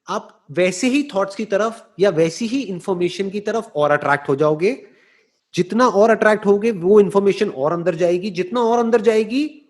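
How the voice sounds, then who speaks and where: Male motivational speaker with a high register, measured and explanatory, mixes in English phrases. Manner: slow, deliberate explaining with rhetorical check-ins. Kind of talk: explanatory talk answering a listener.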